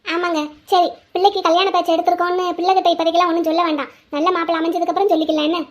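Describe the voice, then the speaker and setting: A woman's voice: very high-pitched, level tone, rapid-fire. A woman voicing a strict, gossipy middle-aged mother in a cartoon. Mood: complaining. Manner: complaining, gossipy.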